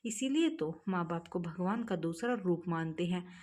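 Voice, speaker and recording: A woman voicing a kind young man who gently and patiently advises a runaway girl. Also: on the low side, lively intonation, moderate pace. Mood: gentle.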